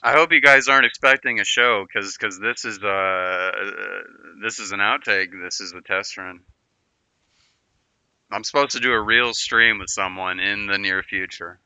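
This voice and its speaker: Slow rambling man streaming. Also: lowish voice, steady tone, sharp tone, smooth, no echo. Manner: rambling, repeats words, restarts often. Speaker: livestreamer. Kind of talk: casual stream chat.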